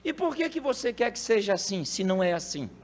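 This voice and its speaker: A pastor preaching a sermon, with sudden loud bursts between quiet, explaining passages. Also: male voice, sits high, very animated, fairly quick. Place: church. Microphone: handheld mic.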